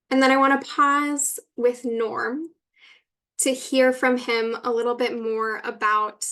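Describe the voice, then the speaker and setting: A woman with a fairly high but flat, even voice, guiding listeners through an online exhibit. She explains and sets up clips at a steady pace, heard through a computer mic on a video call. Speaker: webinar presenter. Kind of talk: guided exhibit tour on a webinar.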